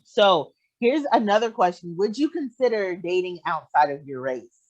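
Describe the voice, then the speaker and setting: A young podcast host asking long, rambling questions in a relaxed way, with many fillers. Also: medium pitch, normal speed. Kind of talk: casual podcast interview. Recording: dull lo-fi sound.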